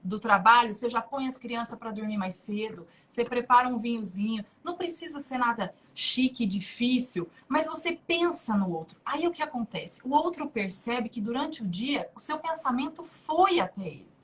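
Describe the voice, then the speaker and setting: A woman's voice: fairly high pitch, lively intonation, moderate pace, hardly any pauses, fairly bright tone, slight background noise. A woman giving earnest, preachy advice on marriage and the home on a live stream. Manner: earnest, preachy, builds lists. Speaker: guest speaker.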